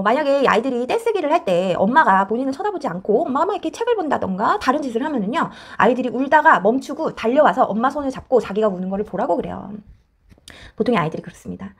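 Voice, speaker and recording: A woman child counselor giving parenting advice in a lively explanatory way, acting out the voices she quotes. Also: a little high. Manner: animated, acts out quoted voices.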